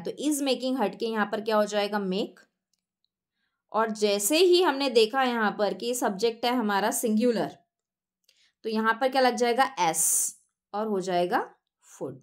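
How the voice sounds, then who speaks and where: A woman, teaching an English grammar lesson and answering her own questions. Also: on the high side. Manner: asks questions then answers them herself; reads English sentences slowly and clearly.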